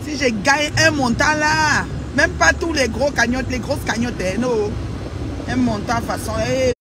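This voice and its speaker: A woman's voice: high voice, unhurried. A woman with a Cameroonian French accent ranting to her viewers from inside a car, teasing and taunting in a repetitive sing-song way. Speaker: social media personality. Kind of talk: casual vlog rant to viewers. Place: inside a car outdoors in cold weather. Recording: noisy car and street background.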